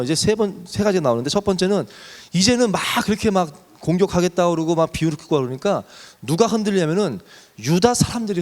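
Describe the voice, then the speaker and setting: Korean pastor guy preaching, higher voice that swoops around a lot, big echoey church hall. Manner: animated storytelling, slows down and drops to a near whisper for emphasis. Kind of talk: sermon.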